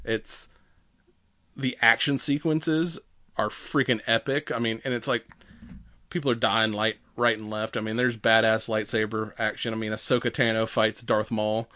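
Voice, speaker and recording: A man co-hosting a podcast in casual chat, halting and conversational, with some swearing. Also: fairly low pitch, flat delivery, pushed and bright. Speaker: podcast co-host.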